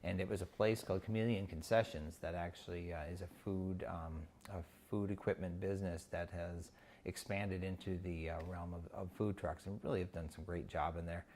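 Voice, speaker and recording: A man from North Dakota who works in community relations, speaking in a documentary interview with a halting delivery and many pauses. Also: low voice, steady tone, darkish tone, a little hiss or hum. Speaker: city community relations officer.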